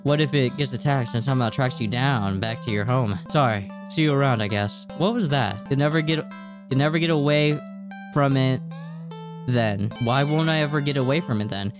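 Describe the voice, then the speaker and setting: This twenty-something streamer talks at a moderate pace in a mid-range voice, reading on-screen game text and reacting in an easygoing way, with the occasional stumble. He's indoors at a small gaming setup, headset on, speaking close to a desk microphone over game music.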